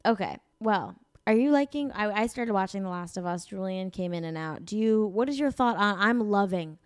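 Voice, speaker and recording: A woman's voice: mid-range voice, animated, moderate pace, clean tone, dry recording, clean studio sound. A woman hosting a podcast in casual chat, joking, teasing and swearing freely. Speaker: podcast host. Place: vacation rental.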